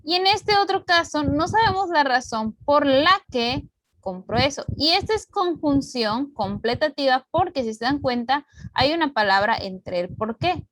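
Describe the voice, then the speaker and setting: A woman teacher with a high, light voice records an online grammar lesson into her computer mic. She explains patiently and clearly, walking through example sentences one by one. The sound is close and dry, with no room around it. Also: lively intonation, unhurried, fairly bright tone, no room sound, poor audio. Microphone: computer mic on video call recording.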